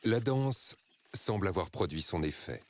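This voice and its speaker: A man reading scripted nature documentary narration in a measured, dramatic storytelling way. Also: sits low, big pitch swings, darkish tone, slight background noise.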